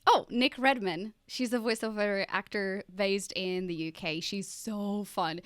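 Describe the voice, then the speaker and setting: A woman's voice: mid-range voice, a little slow, clear, resonant tone, dry recording, studio quality. A woman from Portugal, talking as a guest in a casual interview, chatty and upbeat. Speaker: podcast guest.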